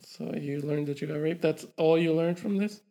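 A man's voice: a little high, normal speed, vocal fry, warm tone. A young man chatting casually among friends as a podcast co-host, with slangy, profane, informal talk. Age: young adult.

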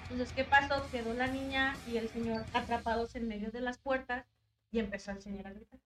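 High-voiced Mexican woman telling a story. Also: a little fast, faint music behind, rough recording. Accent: Mexican Spanish. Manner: animated anecdote telling with slang. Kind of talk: casual chat, storytelling.

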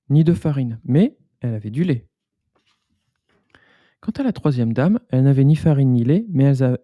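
A man hosting a bedtime story podcast, narrating gently and unhurriedly. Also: medium pitch, dry recording, muffled recording.

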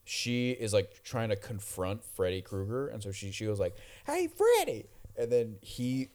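A man's voice: on the low side, fairly even intonation, moderate pace, a little mellow. A man chatting casually, telling stories animatedly with lots of filler words. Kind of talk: casual chat.

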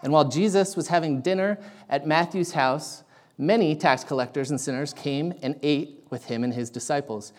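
A young man preaching a sermon in a casual, halting way with lots of ums, his voice carrying an echoey big-room sound. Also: a little high. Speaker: guest preacher.

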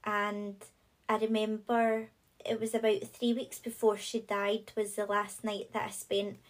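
A woman's voice: medium pitch, flat delivery, measured pace, low-quality recording. A woman hosting a podcast, talking in a friendly, casual way with lots of short agreeing replies. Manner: friendly, with many short back-channel replies. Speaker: podcast host.

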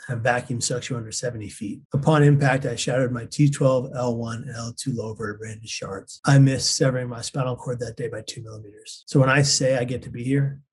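As an interview guest, a man tells his own story earnestly and intensely, acting out the voices of people he quotes. His voice is mid-range and husky.

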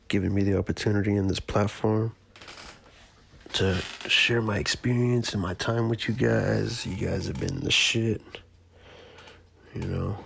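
Male podcast host, low gravelly monotone, casual and profane, faint hiss behind. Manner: laid-back, profane, rambling. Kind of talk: casual solo podcast talk.

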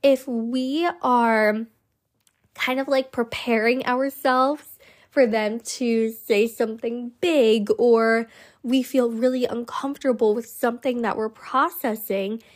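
Nasal, slow-talking woman podcast host, slightly congested. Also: a little high, steady tone. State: slightly congested, recovering from a cold. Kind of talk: solo self-help podcast talk.

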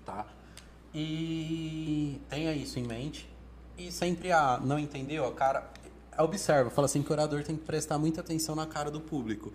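A man's voice: a little high, normal speed, a little hiss or hum. A man with a Brazilian Portuguese accent, an oratory teacher talking casually and acting out quoted thoughts, with many restarts. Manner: animated, acts out quoted thoughts, restarts often. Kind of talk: casual coaching talk.

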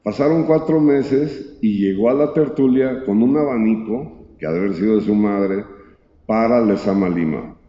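A man telling a lively, colloquial anecdote and acting out the characters. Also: fairly low pitch, normal speed. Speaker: storyteller. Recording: dull echoey hall recording.

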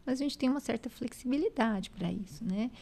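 A Brazilian woman speech therapist, a guest explaining child language milestones patiently, ending phrases with quick tag questions. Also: a little high, lively intonation, warm tone. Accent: Brazilian Portuguese. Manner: explains patiently, constant "né?" tags. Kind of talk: explanatory interview talk.

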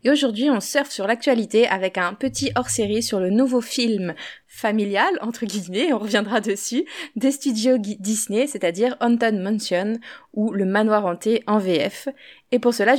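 A woman's voice: mid-range voice, moderate pace, a little mellow. A woman hosting a podcast, talking casually and chattily with frequent fillers. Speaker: podcast host.

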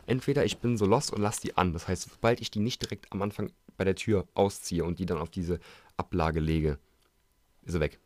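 Podcast co-host, male, low voice, fast slangy anecdote teller, dry close mic. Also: dry recording. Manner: animated storyteller, acts out quoted dialogue, slangy. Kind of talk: casual chat.

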